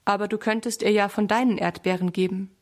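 A woman's voice: mid-range voice, steady tone, fairly quick, close to an everyday voice. A woman voicing a cheerful mother sheep in a children's story, talking in a friendly, polite, welcoming way.

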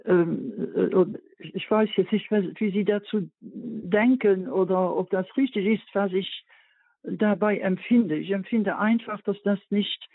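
A woman calling in to a radio show with a question, hesitant and filling pauses. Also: mid-range voice, husky, no echo. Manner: hesitant, many fillers. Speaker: caller. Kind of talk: phone-in call. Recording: tinny dry phone line.

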